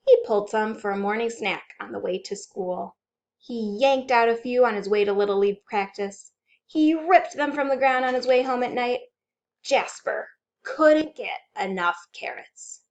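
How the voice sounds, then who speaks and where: At a normal speed, a woman with a fairly high voice reads aloud as a children's librarian. She brings dramatic, suspenseful expression to this animated children's story read-aloud.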